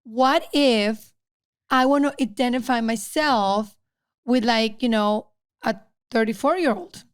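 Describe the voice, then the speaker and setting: Woman in her fifties, podcast co-host, high and chatty, dead-dry recording. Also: slow pace, smooth, no room sound. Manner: chatty, laughs often. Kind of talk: casual chat.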